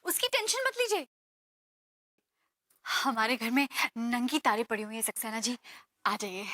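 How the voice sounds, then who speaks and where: An actress playing a possessed housewife who talks in a shrill, coaxing way. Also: female voice, sing-song, normal speed, bright, forceful tone, no room sound, studio quality. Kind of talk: sitcom acting.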